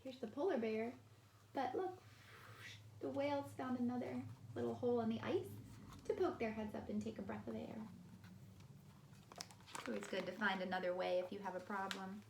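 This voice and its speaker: A woman speaking in a kindergarten teacher voice, reading and explaining a picture book to young children in simple phrases with deliberate pauses and emphasis. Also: fairly high pitch, steady tone, gravelly, darkish tone. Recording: roomy echo, faint background noise.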